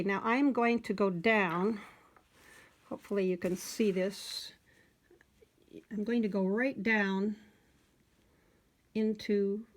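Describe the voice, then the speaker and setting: A woman teaching wool appliqué stitching step by step, talking in a relaxed, folksy way with many fillers and homey expressions. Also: medium pitch. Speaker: sewing instructor. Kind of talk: hands-on craft tutorial.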